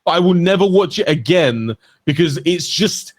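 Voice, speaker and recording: A man with a slightly higher than usual voice co-hosts a podcast. He talks in a relaxed, enthusiastic way, dropping casual swear words. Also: moderate pace. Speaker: podcast co-host. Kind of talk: casual chat.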